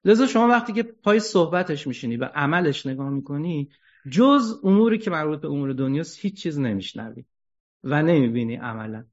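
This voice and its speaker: A man giving an ethics lecture, animated, asking rhetorical questions and joking wryly. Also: fairly high pitch. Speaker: religious lecturer. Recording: dull lo-fi recording.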